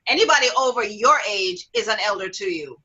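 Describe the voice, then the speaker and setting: A woman's voice: a little fast, breathy edge, muffled recording. A middle-aged woman hosting a casual talk show, telling stories animatedly and acting out quotes with big jumps in her voice. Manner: animated storyteller, acts out quotes with big pitch jumps, laughs often. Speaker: host.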